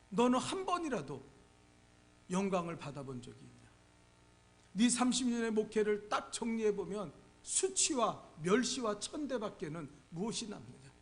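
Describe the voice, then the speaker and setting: A man's voice: sits high, voice pushed up. A man voicing a scornful male devil who taunts with mocking questions.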